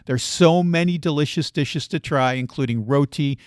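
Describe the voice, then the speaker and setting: Male podcast host, slightly high voice, friendly, articulate, dry close mic. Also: moderate pace, dry recording. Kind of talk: podcast interview.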